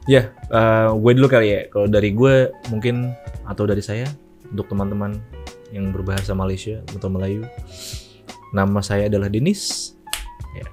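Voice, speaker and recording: A man in his thirties from Jakarta with an East Jakarta accent, hosting a podcast in a loud, joking, slangy manner that mixes in English. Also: lowish voice, flat delivery, moderate pace, pauses often, soft background music. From Jakarta, Indonesia. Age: 30s. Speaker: podcast host. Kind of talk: casual chat.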